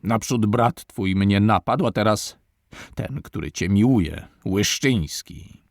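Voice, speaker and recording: A man's voice: lowish voice, lively intonation, slow pace, no echo, studio quality. A man doing a sneering hot-tempered prince. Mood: scornful. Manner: commanding, sneering. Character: haughty scornful nobleman prince, hot-tempered.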